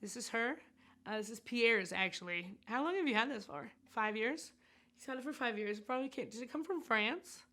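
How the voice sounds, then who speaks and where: A woman's voice: on the high side, expressive, moderate pace, pushed and bright. A woman chatting casually about making her film, giggly and rambling with plenty of fillers. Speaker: actress and set designer interviewed about her film. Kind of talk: casual chat.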